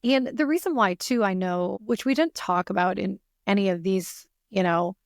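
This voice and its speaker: A woman's voice: mid-range voice, moderate pace, no room sound, studio quality. A woman telling a personal story as a podcast guest, earnest and full of "you know" fillers.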